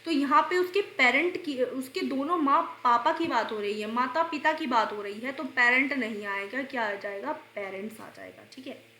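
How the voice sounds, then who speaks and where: A woman teaching grammar for exams, explaining slowly, repeating answers and posing questions she answers herself, coughing and clearing her throat while unwell. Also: sits high, pushed and bright, roomy sound. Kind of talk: exam-prep grammar lesson.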